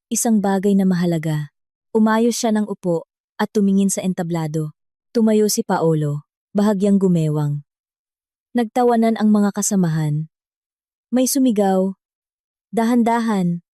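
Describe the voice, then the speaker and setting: A woman narrating a drama story in a slow, even storytelling manner. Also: medium pitch, dry recording, studio quality. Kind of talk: scripted narration.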